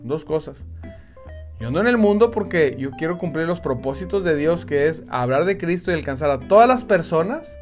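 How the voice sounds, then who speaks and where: A Bible teacher, giving devotional teaching in an animated, conversational and emphatic way. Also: medium pitch, moderate pace, soft background music.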